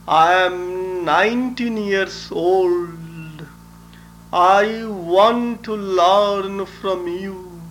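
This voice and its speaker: Very slow, high-voiced man reciting devotionally. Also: fairly bright tone, slight background noise. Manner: solemn, measured, deliberate recitation. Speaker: spiritual teacher.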